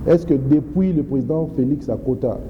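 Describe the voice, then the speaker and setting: Man, dark muffled voice. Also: medium pitch, slight background noise. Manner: measured, halting, many restarts. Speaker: interviewee. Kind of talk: studio interview answers. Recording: muffled reverberant studio sound.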